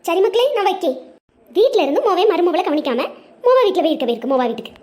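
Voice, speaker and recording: Cartoon nag: a woman playing an older mother-in-law with a Tirunelveli Tamil accent, very high and quick, bossy. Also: very animated, a little mellow. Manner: scolding, bossy. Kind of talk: cartoon voice acting.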